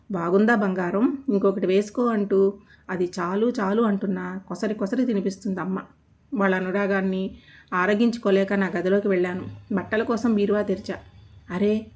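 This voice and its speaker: A woman narrating a love story in the first person with an even, descriptive reading. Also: medium pitch.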